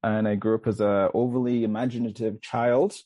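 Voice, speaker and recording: A fairly quick, mellow male voice, low-pitched with little pitch movement, recorded with no room sound. He's a guest author in his forties from England, speaking with a mostly Canadian accent that carries faint Mancunian traces. In this casual podcast interview he's chatty and rambling, often restarting and laughing.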